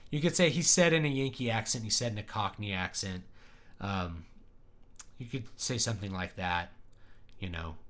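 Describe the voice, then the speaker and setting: A man's voice: mid-range voice, fairly bright tone. A man giving a casual live-stream writing lesson, thinking aloud and stating his opinions plainly.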